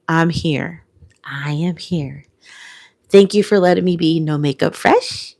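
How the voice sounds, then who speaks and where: A woman's voice: low voice, creaky. A tearful woman, talking in a heartfelt vlog, repeating phrases and sometimes dropping to a whisper. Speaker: content creator. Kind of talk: emotional reflective vlog.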